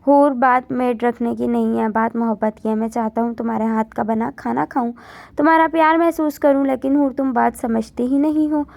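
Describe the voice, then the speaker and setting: A woman's voice: fairly high pitch, a little fast, creaky, darkish tone, no room sound. A woman voicing a loving, emotional young husband in a spoken story, with a tender, pleading manner.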